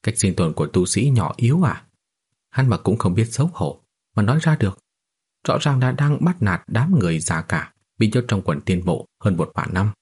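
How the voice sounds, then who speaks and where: A man narrating a fantasy novel as an audiobook in a steady, even reading style. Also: on the low side, moderate pace, breathy edge.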